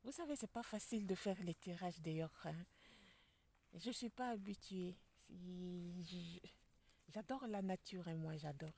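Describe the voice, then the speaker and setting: A woman giving a spiritual tarot reading to her viewers, speaking softly and quietly in a public place. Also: on the low side, measured pace. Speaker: tarot card reader. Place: public place outdoors with people nearby.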